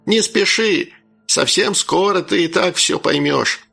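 A mocking old man, calm and condescending, speaking in a husky, slightly raised tone, voiced by a male audiobook reader. Faint music plays beneath this storybook reading. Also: high-pitched, unhurried, voice pushed up, heavily acted. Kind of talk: audiobook character voice.

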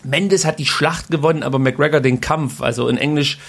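A male podcast host talks through the news in a loose, conversational way, slipping in crude slang now and then. His voice sits a little higher than most men's. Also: steady tone, a little fast, vocal fry, fairly bright tone. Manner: informal and colloquial, with crude slang. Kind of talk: casual news commentary podcast.

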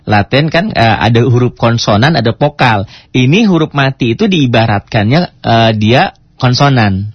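A man teaching Quran recitation, chatting casually and breaking into slow chanted demonstrations. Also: medium pitch, animated, slightly rough, dry recording. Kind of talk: tajwid lesson with recited demonstrations. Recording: dry, dull lo-fi radio recording.

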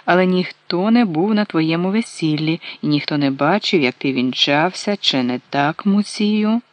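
A narrator voicing a calm stern male elder. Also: mid-range voice, normal speed, no room sound, natural voice.

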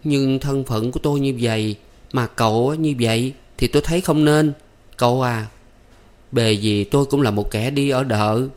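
A man's voice: mid-range voice, moderate pace, a little mellow, voice pushed up, lightly acted. A man reading a story aloud, voicing a shy, anxious young servant girl. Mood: sad. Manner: pleading, flustered, coy protests. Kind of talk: audiobook character voice.

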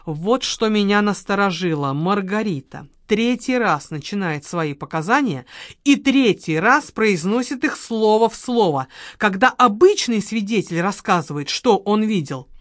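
A woman voicing a shrewd, calm male investigator who questions firmly and patiently. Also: medium pitch, a little slow, no room sound, studio quality, close to an everyday voice. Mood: calm questioning.

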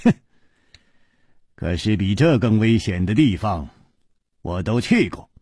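A man doing a quiet wry hero. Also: fairly low pitch, big pitch swings, unhurried, slightly rough, no room sound, clean studio sound, exaggerated voice. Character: calm, wry, clever male hero.

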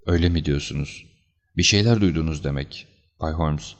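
A man's voice: extremely low pitch, normal speed, big-room sound. A man voicing a distraught, emotional older banker who speaks in pleading, anguished bursts, for an audiobook. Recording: slightly dull lo-fi recording.

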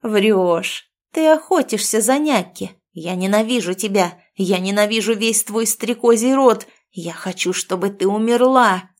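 A woman's voice: fairly high pitch, sing-song, unhurried, hardly any pauses, voice pushed up. A woman reading an audiobook voices a grim, vengeful middle-aged woman who leads a cult, speaking with menace and hissed anger. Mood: hateful. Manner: menacing, hissing through clenched anger. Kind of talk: audiobook character voice.

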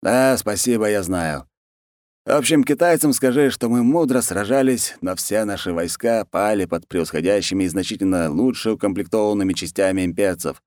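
A man's voice: lowish voice, moderate pace, a little mellow, no room sound, pitched above the performer's own voice, natural voice. A man voicing a fat, lazy and cruel khan who talks in a peevish, bossy way.

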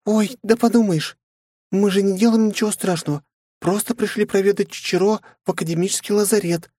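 A man voicing a shy, affectionate young woman who speaks softly and timidly in an audiobook. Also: high voice, steady tone, brisk, dry recording, studio quality, pitched above the performer's own voice. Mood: tender. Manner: soft, timid. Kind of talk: audiobook character voice.

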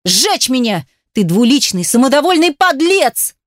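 Woman doing a hysterical venomous woman, hissing, shrill, sarcastic, dry close sound. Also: big pitch swings, a little slow, no room sound.

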